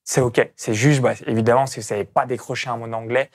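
A man's voice: mid-range voice, fairly even intonation, quick pace. A man from France with a Burgundy accent, hosting a casual interview and talking emphatically with many fillers. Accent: Burgundy French. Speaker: host.

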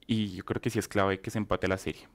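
A man with a Colombian accent chatting quickly as a panelist on a basketball show. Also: sits low, flat delivery. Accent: Colombian Spanish. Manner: quick, talkative, laughs easily. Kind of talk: casual basketball panel talk.

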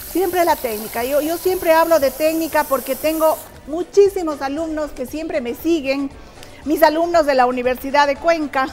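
A middle-aged woman with a bright, high voice teaches a cooking segment in a TV studio kitchen. She chats to viewers and walks through each technique step by step. Soft music plays faintly behind her. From Ecuador. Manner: chatty, explains technique step by step, addresses viewers directly. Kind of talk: cooking show demonstration.

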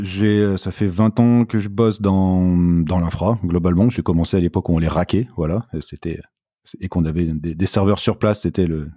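A man in his forties with a very low, dark voice, speaking as a guest in a casual technical interview. He talks in a hesitant way, full of fillers and restarts. The sound is dry and close. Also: no echo. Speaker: guest, startup founder.

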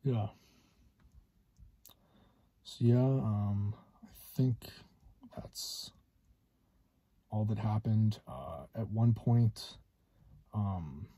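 A man in his twenties gives a casual, halting monologue in a car. His voice is lowish and very mellow, with a husky edge. He hesitates often and leaves long pauses. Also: dry recording. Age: 20s. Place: inside a parked car.

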